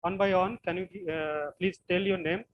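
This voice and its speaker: Halting Indian-accented male physics lecturer. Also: high-pitched, fairly even intonation, dull audio. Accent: Indian English. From West Bengal, India. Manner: slow, halting explanation with frequent repetitions. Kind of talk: online class lecture.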